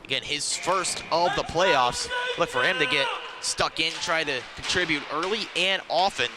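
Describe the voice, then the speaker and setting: A man's voice: fairly high pitch, moderate pace. A man giving live ice hockey commentary in clipped phrases that follow the play. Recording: noisy rink ambience around the mic.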